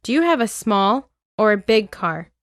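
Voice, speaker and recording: A woman reading an English lesson aloud, with clear, deliberate drill phrases and an American accent. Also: medium pitch, big pitch swings, no echo, clean studio sound. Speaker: English teacher. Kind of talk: slow scripted lesson reading.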